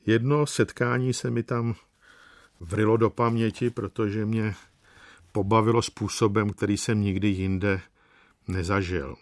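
A man telling travel anecdotes in an unhurried, wry and reflective way. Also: on the low side, steady tone, no echo. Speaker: storyteller.

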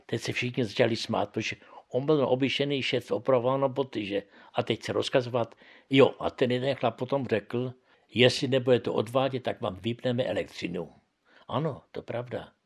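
A man's voice: on the low side, gravelly, husky. An older man from Moravia telling his life story in a conversational way, often adding tag questions. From Moravia, Czech Republic. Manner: conversational, keeps adding tag questions, acts out quoted lines louder. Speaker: witness recounting his youth. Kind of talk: oral history storytelling.

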